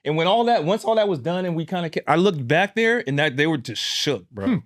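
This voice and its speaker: A man's voice: a little high, expressive, fairly quick, no echo, clean studio sound. A man hosting a podcast, telling a heartfelt personal story in an earnest, emphatic way and calling the listener "man" and "bro". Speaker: podcast host.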